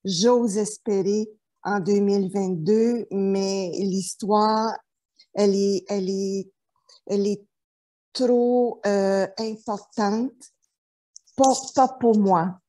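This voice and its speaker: In an interview, a middle-aged therapist from New Brunswick, Canada, shares her life story in a slow, warm, mid-range voice with a steady tone. Her delivery is halting, full of fillers and restarts.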